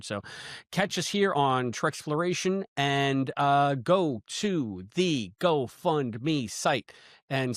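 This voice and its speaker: A man's voice: medium pitch, dry recording, studio quality. Laid-back man co-hosting a podcast. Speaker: podcast co-host. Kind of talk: casual chat.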